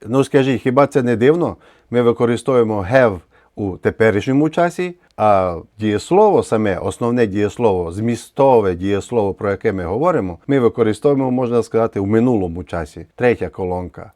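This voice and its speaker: Male teacher, Ukrainian accent, mellow tone, dry close sound, steady explainer. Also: fairly low pitch, a little fast, dry recording. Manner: patient, explains step by step with repeated examples. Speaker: English teacher. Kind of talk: grammar lesson explanation.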